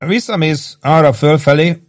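A man's voice: fairly high pitch, voice pushed up, close to an everyday voice. A man voicing a blunt, cocky young male infantry soldier who swears freely.

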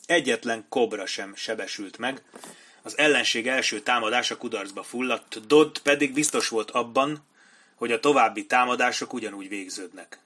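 A male audiobook narrator reading a war story. His delivery is measured and dramatic, lifting for battle scenes and dropping low for grim moments. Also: pushed and bright. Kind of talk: scripted narration.

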